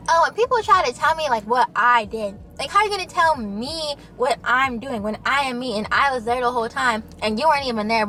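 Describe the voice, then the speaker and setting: A young adult woman vlogger talks casually to the camera while eating, in a loose, chatty mukbang style packed with fillers. Her voice sits high and has a sharp tone.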